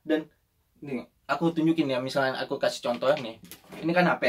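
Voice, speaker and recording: A young man telling an animated story in casual chat and acting out the voices of the people in it. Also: mid-range voice, brisk, distant mic, slight background noise.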